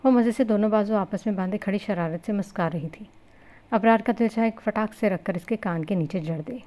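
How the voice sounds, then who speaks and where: Female narrator for an audio novel, steady storytelling. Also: medium pitch. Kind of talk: Urdu novel reading.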